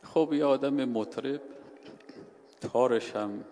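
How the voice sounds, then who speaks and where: A man telling a story in a sermon, shifting between hushed and loud, dramatic delivery. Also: mid-range voice. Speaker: preacher. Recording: hall reverb with faint ambient noise.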